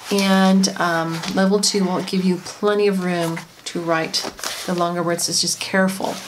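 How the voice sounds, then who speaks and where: A woman, a homeschooling mother, gently and chattily explaining a lesson in an instructional tutorial. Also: on the low side, level tone, measured pace. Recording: noisy home recording.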